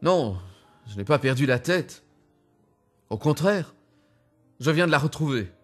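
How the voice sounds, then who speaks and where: A man voicing a husband who speaks calmly and quietly in a measured way, in a spoken story. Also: fairly high pitch, faint music behind. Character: calm, cold husband regaining his memory.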